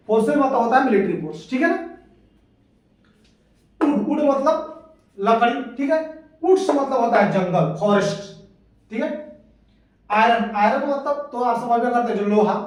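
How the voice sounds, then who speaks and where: A man's voice: high-pitched, recorded from a distance. A male teacher giving an exam-prep grammar lesson, explaining patiently and checking often that students follow. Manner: explains patiently, repeats points, often asks "ठीक है ना?". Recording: very echoey room, voice off-mic.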